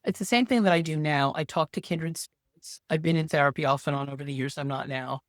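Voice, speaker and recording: A woman's voice: sits low, quick pace, no echo, clean studio sound. A woman in her sixties, a therapist and guest, telling stories in a casual, emphatic interview conversation. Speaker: podcast guest, social worker and therapist.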